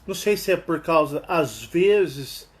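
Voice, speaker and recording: Brazilian man with a Mineiro accent, high-pitched, rambling and chatty, acting out little dialogues as he talks. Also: animated, measured pace. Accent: Mineiro, Minas Gerais. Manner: chatty, rambling, with frequent tag questions; acts out quoted dialogue animatedly. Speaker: channel host. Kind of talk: casual spoken monologue.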